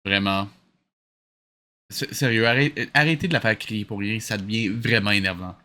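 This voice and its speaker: This commentator, a man with a Quebec French accent, pokes fun at an old cartoon in a casual, sarcastic, exasperated way, with some swearing mixed in. He speaks at a moderate pace in a fairly low voice while cartoon soundtrack music runs underneath.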